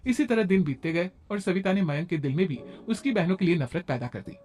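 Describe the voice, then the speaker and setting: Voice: medium pitch, lively intonation, brisk, darkish tone, faint music behind. A narrator reading a scripted family moral story.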